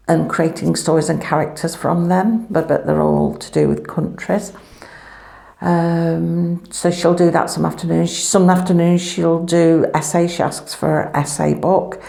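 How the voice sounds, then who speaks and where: A woman's voice: sits low, steady tone, a little slow, gravelly, mellow. A woman, rambling chattily in a casual family vlog, her voice echoing in an empty room at home through a clip-on microphone. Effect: echoey empty room. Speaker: family vlogger.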